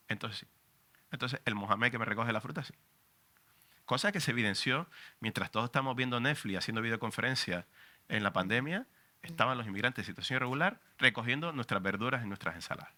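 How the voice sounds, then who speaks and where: Fiery Canarian man with bright voice. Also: medium pitch. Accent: Canarian Spanish. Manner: passionate, emphatic, frank and profane. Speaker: journalist and panelist. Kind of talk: public talk at a book presentation.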